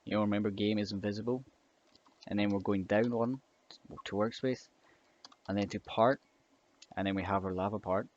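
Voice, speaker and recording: A man's voice: fairly low pitch, steady tone, normal speed, pauses often, a little hiss or hum. A young man giving a casual coding tutorial, hesitant and rambling with many fillers and restarts, over keyboard clicks. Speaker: scripting tutor. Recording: dull lo-fi mic with keyboard clicks. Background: typing and mouse clicks.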